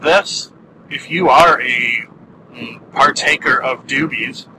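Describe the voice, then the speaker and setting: A man's voice: medium pitch, slow pace, noisy background. A man giving a casual spoken review, rambling and self-deprecating, with many fillers and restarts.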